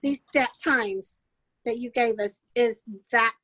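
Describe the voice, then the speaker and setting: A slightly high-voiced woman asks questions in a casual interview, restating details to be sure she has them right. Her voice sounds close and dry, with no room echo. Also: takes it slowly, pushed and bright. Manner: inquisitive, repeats and rephrases to clarify. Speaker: co-host interviewer.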